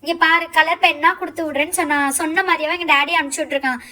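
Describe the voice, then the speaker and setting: Stubborn, boastful schoolgirl doll , a woman doing the voice, pitched very high. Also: steady tone, rapid-fire, bright, forceful tone. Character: bossy sulking schoolgirl Fouziya. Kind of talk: doll show role-play.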